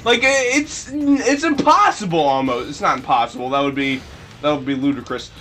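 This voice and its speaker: A man giving casual, goofy gameplay commentary, rambling and breaking into sudden shrill yelps. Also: expressive, normal speed, sharp tone, a little hiss or hum. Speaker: let's play commentator.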